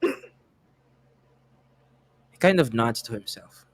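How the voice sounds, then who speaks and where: Casual Filipino game master. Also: male voice, medium pitch, lively intonation, slow. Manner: casual, improvising, mixes in slang. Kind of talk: narrating a tabletop game.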